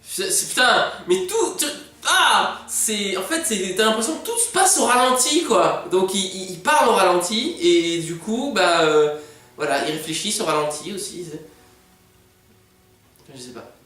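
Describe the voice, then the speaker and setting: A high-voiced man, heard in a very echoey room a little way from the mic. His pitch swings widely as he mocks a film in casual, exasperated commentary. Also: animated, normal speed, pushed and bright. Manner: exasperated, sarcastic, prone to outbursts and swearing. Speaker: host reacting to an animated film. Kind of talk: live film commentary, casual mocking reactions. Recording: echoey room, distant microphone.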